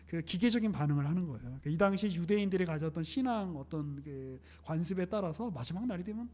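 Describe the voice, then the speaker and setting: A man's voice: fairly high pitch, animated, fast talker, darkish tone. A young man preaching a casual live-streamed sermon, chatty and joking, often laughing. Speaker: pastor.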